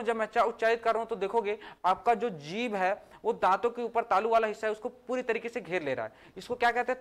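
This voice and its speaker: This man teaches grammar for an exam, his voice sitting high and fairly bright. He questions his audience and answers for them, pausing to pronounce letters slowly one after another.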